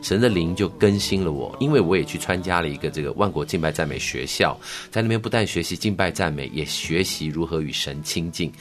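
A middle-aged man with a Taiwanese Mandarin accent, recounting his life story in an interview with earnest, animated emphasis. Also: low voice, a little fast, few pauses, soft background music. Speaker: worship musician, interview guest.

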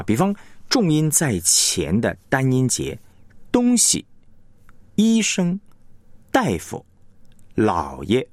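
A man's voice: fairly low pitch, darkish tone, no room sound. A man teaching announcing technique on the radio, emphatically demonstrating word stress with example words. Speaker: radio broadcasting instructor.

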